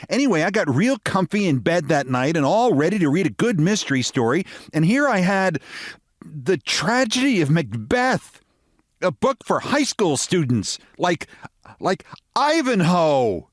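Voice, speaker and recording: A man's voice: high-pitched, big pitch swings, unhurried, no room sound, studio quality, voice pushed up, full character voice. A man reading a humorous short story, voicing a chatty, emphatic, opinionated woman. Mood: chatty, put out. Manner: emphatic, gossipy, matter-of-fact certainty. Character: opinionated, chatty American woman, avid detective-story fan.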